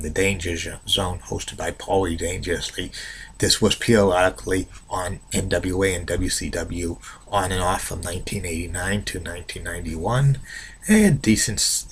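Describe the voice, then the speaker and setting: A man hosting an unscripted countdown in a halting, repetitive way, stumbling over his words. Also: sits low, gravelly. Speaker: host of a top ten countdown series. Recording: noisy amateur recording.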